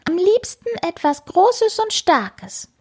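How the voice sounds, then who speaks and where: A woman voicing a small, anxious young tomcat kitten in a children's storybook, with a high, plaintive voice that often calls out. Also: sing-song, slow, full character voice. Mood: eager.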